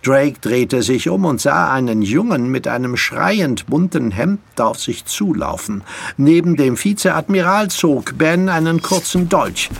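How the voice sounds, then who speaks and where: A man reading an audiobook in slow, expressive narration. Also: a little high, vocal fry, breathy edge. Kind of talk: scripted narration.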